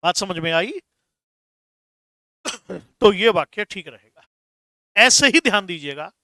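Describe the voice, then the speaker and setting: A male teacher gives a patient Hindi grammar lesson in class, explaining slowly, repeating terms, and fondly calling his students "beta." His voice sits high and is expressive with a sharp tone, with no room sound.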